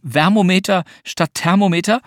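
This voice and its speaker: A reader voicing a helpful, good-natured boy who speaks briskly and grumbles playfully. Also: mid-range voice, dry recording, clean studio sound, pitched above the performer's own voice, close to an everyday voice. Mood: friendly.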